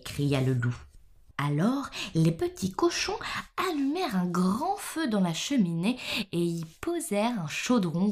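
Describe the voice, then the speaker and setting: A woman narrating a bedtime story in a soft, hushed, partly whispered voice. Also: medium pitch.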